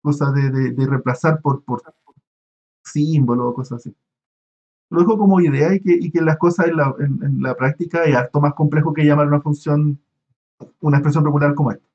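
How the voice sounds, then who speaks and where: This online university lecturer speaks in a steady, slightly mellow voice on the high side, with the highs cut off in the recording. His step-by-step explanations are halting and packed with restarts and fillers, and he keeps asking his students questions.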